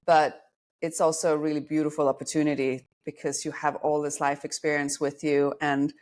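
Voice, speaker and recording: A deep, darkish voice with little pitch movement carries this podcast interview at a moderate pace. The speaker, a woman in her forties from Denmark, reflects on being a dating coach and isn't afraid to laugh at herself.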